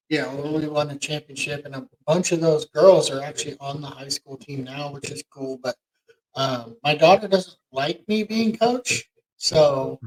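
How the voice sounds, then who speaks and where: Middle-aged male podcast co-host, somewhat high voice, casual and halting. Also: rough recording. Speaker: podcast co-host, mortgage lender.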